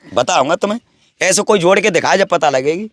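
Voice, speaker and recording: A man's voice: fairly high pitch, expressive, a little fast, a bit bright, no echo. A man, a wandering holy man, talking at length about spirits and devotion in a boastful, preachy way. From Braj region, India. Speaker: wandering sadhu interviewed. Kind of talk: rambling spiritual talk.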